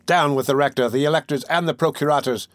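A man voicing a mischievous young male student who taunts the crowd in a lively, mocking way. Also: mid-range voice, normal speed, dry recording, close to an everyday voice. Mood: cheeky.

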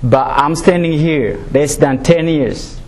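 A man from Rwanda gives a personal testimony as a student speaker. He talks haltingly, with many fillers and restarts, and sounds nervous. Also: fairly high pitch, a little mellow, slight background noise.

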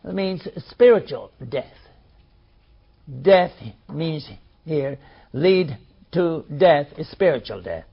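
A man delivers a sermon in a high, very lively voice, pressing hard on each key word. He moves slowly, stopping often between scripture readings. The recording sounds dull and lo-fi. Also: creaky. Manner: emphatic, reading scripture aloud with commentary. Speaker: preacher. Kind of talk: sermon, Bible teaching.

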